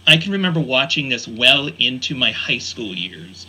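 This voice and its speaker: A man's voice: medium pitch, very animated, normal speed, sharp tone, husky, poor audio. A man in his forties, a panelist on a podcast, chatting casually and enthusiastically with many fillers. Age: 40s. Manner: rambling, enthusiastic, lots of fillers. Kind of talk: casual chat.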